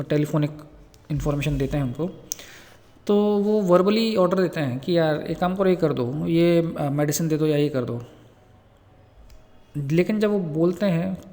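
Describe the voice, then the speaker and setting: A man gives a nursing lecture in a fairly high voice. He reads each English point slowly before explaining it in everyday words. His voice rings out in a long-reverb room. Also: a little mellow. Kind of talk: Hindi lecture explaining from slides.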